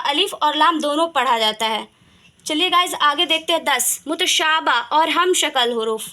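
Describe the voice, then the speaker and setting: High bright-voiced woman teaching. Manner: explains step by step, repeats definitions, asks and answers own questions. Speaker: Urdu grammar teacher. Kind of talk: casual video lesson.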